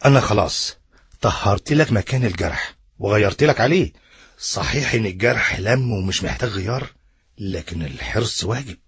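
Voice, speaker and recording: A man's voice: on the low side, expressive, fairly quick, fairly bright tone, husky, no echo, heavily acted. A man with an Egyptian accent playing an earnest, respectful doctor full of amazement in a religious drama. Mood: careful, caring. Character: astonished, careful, respectful male doctor.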